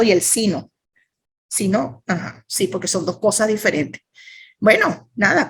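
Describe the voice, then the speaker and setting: A woman with a Venezuelan accent teaching a writing workshop over a video call, chatty and playful, with asides to her students. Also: mid-range voice.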